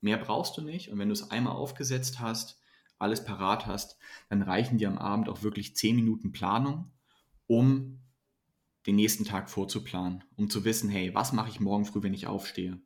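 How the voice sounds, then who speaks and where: Low-voiced motivational male coach. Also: normal speed. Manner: earnest, motivational, with frequent restarts. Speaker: mentoring coach. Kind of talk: podcast interview answers.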